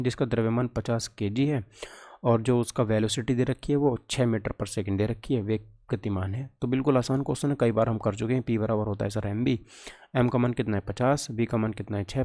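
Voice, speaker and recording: A man with a gravelly, dark, mid-range voice coaches students for an exam as a physics teacher. His lesson is conversational, and he often poses questions and then answers them himself.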